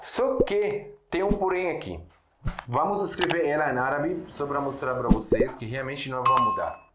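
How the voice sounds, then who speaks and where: A man's voice: mid-range voice, noisy background. Arabic-speaking man teaching in an echoey room. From Syria. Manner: explains slowly with repeated examples and frequent check-ins. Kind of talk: casual video lesson at a board.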